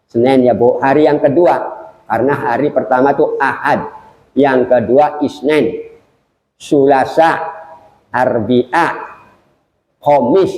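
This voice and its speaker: An older man preaching at a mosque study gathering, lively and joking, talking straight to the congregation. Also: medium pitch. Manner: lively, jokey, addresses audience directly. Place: large mosque hall. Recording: echoey mosque hall.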